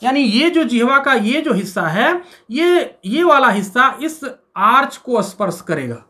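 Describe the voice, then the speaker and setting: A woman's voice: a little high, sing-song, bright, forceful tone. A woman teaching a Hindi grammar lesson, explaining step by step and asking questions that she answers herself. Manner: recites letters of the alphabet slowly.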